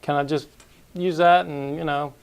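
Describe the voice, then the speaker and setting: A man's voice: a little high, fairly even intonation, normal speed, vocal fry, smooth. A man hosting a business show, asking questions in a conversational, prompting way. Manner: conversational, prompting with short acknowledgments. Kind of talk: interview questions. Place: TV studio.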